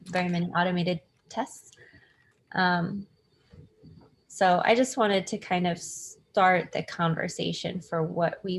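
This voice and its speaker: A woman on a video call, heard through her laptop's own microphone because she has no headphones. Her voice is fairly low and gravelly with vocal fry, and she speaks slowly, pausing as she goes. Faint room ambience sits behind her. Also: a little hiss or hum, rough recording. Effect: voice picked up through a laptop's own mic. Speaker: team member at a work meeting. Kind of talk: casual video-call meeting. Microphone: built-in laptop mic, no headphones.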